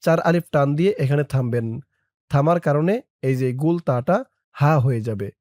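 A man teaching a prayer by chanting it word by word, then quickly explaining how to pronounce it. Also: fairly high pitch, a little mellow, dry recording, clean studio sound. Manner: slow drawn-out chanting of each word, quick plain explanations between. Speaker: religious teacher.

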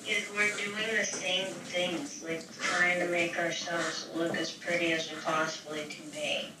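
A woman's voice: on the low side, little pitch movement, a little slow. A woman chatting casually on a phone call, heard over a speakerphone, talking loosely and swearing offhandedly. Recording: echoey, distant speakerphone with background noise.

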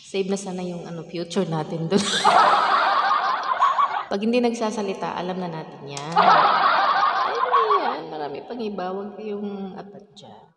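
A woman's voice: medium pitch, big pitch swings, normal speed, loud music behind the voice. A young Filipina woman with a Visayan accent, chatting and giggling with strangers on video calls as a vlogger. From Philippines. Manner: giggly, chatty, laughs often. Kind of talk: casual video-chat commentary. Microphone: phone, video call. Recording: loud noise, echoey roomy phone audio.

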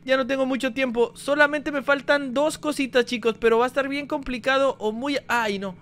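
A man giving energetic gameplay commentary, talking straight to his viewers. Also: extremely high pitch, a little fast. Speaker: gaming YouTuber.

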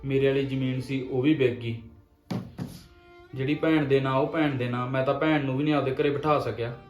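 A man's voice: medium pitch, fairly even intonation, reverberant, muffled recording, music in the background, close to an everyday voice. An actor playing a young man who pleads with his sister for forgiveness after losing his land. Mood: regretful. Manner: pleading, repentant, with many pauses. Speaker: brother.

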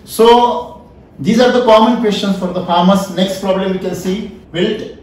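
This high-pitched Indian-accented trainer gives an interactive classroom lecture a little slowly and with a darkish tone, emphatic and questioning, repeating key phrases. In a small wood-panelled training room, the camera sits a few feet away, so the audio is distant and rings with echo.

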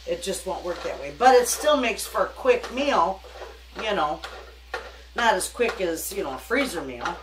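Older lady doing a folksy kitchen cooking demo, chatty, bit far from the mic, echoey room. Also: mid-range voice. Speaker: home cook, cooking show host. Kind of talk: casual kitchen cooking demonstration. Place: home kitchen, indoors at the stove. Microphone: camera a few feet away. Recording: echoey kitchen, distant mic, background noise.

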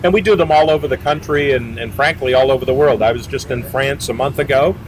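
A man's voice: medium pitch, fast, a crowd in the background, rough recording. A middle-aged man representing a boat maker, answering interview questions casually and rambling with many fillers and restarts, seated outdoors beside a boat. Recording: outdoor noise behind.

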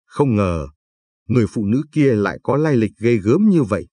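Male storyteller, husky lowish voice, calm measured reading, dry close sound. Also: no room sound. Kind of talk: scripted narration.

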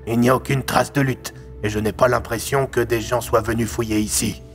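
A man voicing a blunt male police commissioner with a gravelly, husky voice. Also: mid-range voice, fairly even intonation, fairly quick, faint music behind, close to an everyday voice.

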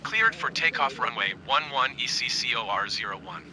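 A man's voice: medium pitch, lively intonation, normal speed. A man speaking into a cockpit headset mic as a pilot, making clipped, formal aviation radio calls to air traffic control. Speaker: virtual airline pilot.

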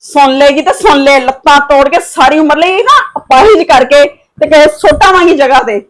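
A woman's voice: high-pitched, moderate pace, natural voice. A woman playing a fierce protective mother. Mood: defiant. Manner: firm and defiant, soothing her daughter. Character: protective, fierce middle-aged Punjabi mother. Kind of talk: scripted family drama.

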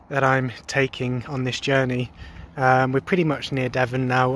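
A male vlogger rambles casually through a walkthrough outdoors at a rural charging station and van, filming on a handheld phone. He's relaxed, full of ums and restarts, with a mid-range voice and a little hiss or hum in the audio.

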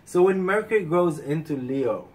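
A male astrologer hosting a weekly forecast, speaking calmly and giving advice, tired from little sleep. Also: fairly high pitch, moderate pace, distant mic, slight background noise. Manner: calm, advising, with frequent fillers and restarts. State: short on sleep. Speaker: astrologer host.

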